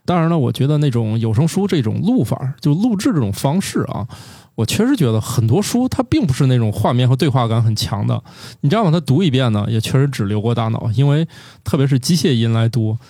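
A man co-hosting a casual science podcast in a relaxed, joking, opinionated way. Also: medium pitch, quick pace, no room sound, studio quality. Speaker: podcast co-host.

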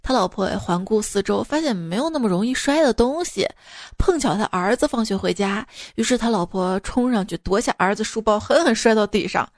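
A woman's voice: medium pitch, expressive, brisk, no echo, clean studio sound. A woman radio host reading jokes in a playful, teasing way, chuckling between punchlines.

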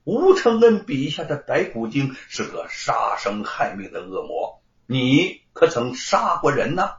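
A man voicing a stern, shrewd prefect judge in an audiobook story, with a measured official cadence and booming pronouncements. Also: huge pitch swings, exaggerated voice. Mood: stern, mocking. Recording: roomy, slightly dull recording.

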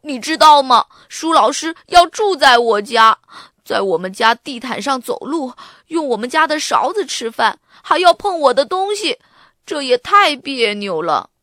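A woman voicing an anxious young boy aardvark who gets excited and stammers when upset, in a children's storybook reading. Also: high voice, measured pace, no room sound, studio quality, voice pushed up, full character voice. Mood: indignant.

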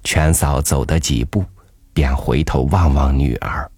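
A man reading a story aloud in a calm, measured storytelling voice. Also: extremely low pitch, husky, no room sound. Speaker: audiobook narrator. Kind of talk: scripted storybook narration. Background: soft background music.

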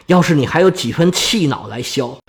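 A fussy, self-important old Roman official, put on by a storyteller, talking in a high, lively voice that swings up and down. He wheedles and brags by turns in a chatty storybook telling. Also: moderate pace, lightly acted. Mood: pleading. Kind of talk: Chinese storytelling performance.

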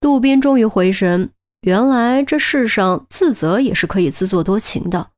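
A woman reading a crime audiobook in a steady storytelling manner. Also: medium pitch, moderate pace. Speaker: audiobook narrator. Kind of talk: scripted audiobook narration.

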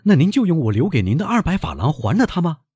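A man's voice: mid-range voice, wildly swooping pitch, normal speed, darkish tone, husky, no room sound, voice pushed up, full character voice. Man voicing an eager young sailor son. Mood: dismayed. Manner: pleading, emphatic. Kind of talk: audiobook reading.

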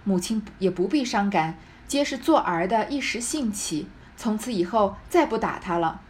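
Deferential middle-aged son, slow and pleading, read by a woman. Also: medium pitch, lively intonation, darkish tone, slight background noise, lightly acted.

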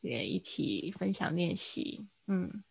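A woman's voice: fairly low pitch, very animated, slow pace, creaky, breathy edge. A woman teaching an online English lesson, patiently coaching a student's pronunciation over a video call. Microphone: computer mic on a video call.

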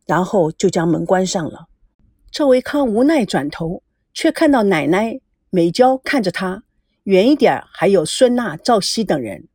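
A woman narrating an audiobook in an expressive storytelling voice. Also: medium pitch, moderate pace, slightly rough, no echo, clean studio sound.

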